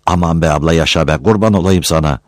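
A man voicing a hungry, simple-minded village man who talks loudly, pleading and coarse. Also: deep voice, fast talker, no room sound, studio quality, lightly acted. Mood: wheedling. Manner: loud, shouting and wheedling.

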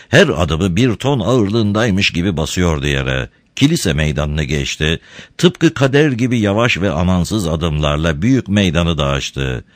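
A man narrating a storybook, reading with expressive, dramatic pacing. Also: sits low, dry recording.

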